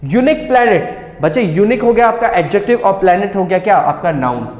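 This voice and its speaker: Man, grammar teacher, explains step by step, repeats words, high voice, roomy echo. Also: sing-song, fast, darkish tone. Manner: explains step by step, repeats words, asks and answers his own questions. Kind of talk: classroom grammar lesson. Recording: echoey room with long reverb.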